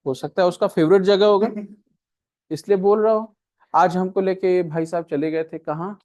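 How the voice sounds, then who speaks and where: A man's voice: high-pitched, fairly even intonation, normal speed, darkish tone. A male coaching teacher giving a classroom lecture, mixing Hindi and English and checking with his students again and again. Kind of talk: classroom lecture on a reasoning puzzle.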